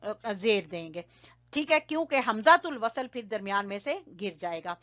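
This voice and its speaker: A woman's voice: mid-range voice, animated, fairly bright tone. Patient woman Quran teacher, lo-fi audio. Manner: patient, repeats and checks understanding, slowly chants Arabic examples. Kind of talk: step-by-step recitation lesson. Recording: dull lo-fi audio.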